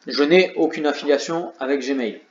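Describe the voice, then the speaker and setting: A man's voice: a little high, normal speed. Man, tired tutorial host, chatty with joking asides; echoey room, slightly muffled audio. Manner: chatty, self-mocking asides. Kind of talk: casual screen tutorial. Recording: roomy, slightly dull sound.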